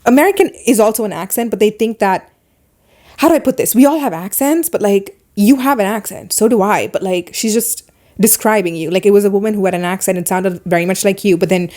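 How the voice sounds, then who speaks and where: Sharing her views in relaxed conversation, the podcast host, a woman with a foreign accent, speaks in a mid-range voice and turns animated, racing ahead at times.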